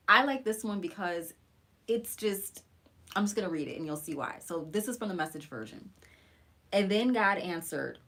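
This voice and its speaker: A woman's voice: lowish voice, fairly bright tone. Earnest woman sharing faith testimony. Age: 40s. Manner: earnest, encouraging, conversational. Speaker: faith vlogger. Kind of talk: live-stream personal testimony.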